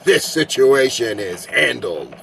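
A man's voice: mid-range voice, expressive, takes it slowly, vocal fry, a bit bright, a little hiss or hum, full character voice. A man playing a confident elf field reporter in a mock radio newscast, sounding assured and knowing.

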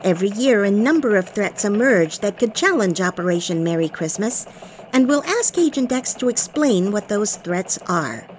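A woman voicing a cheerful female elf news reporter in a scripted radio broadcast, with a bright newsreader delivery. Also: medium pitch, animated, moderate pace, a little hiss or hum, close to an everyday voice, rough recording.

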